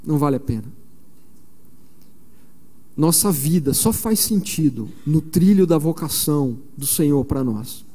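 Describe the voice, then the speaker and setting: Mellow-voiced preacher in an echoing church. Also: male voice, a little high, animated, unhurried, pauses often, husky. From São Paulo, Brazil. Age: 40s. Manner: conversational storytelling with frequent fillers. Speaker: missionary preacher. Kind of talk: conference sermon. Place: large church. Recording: long reverb of a large church hall.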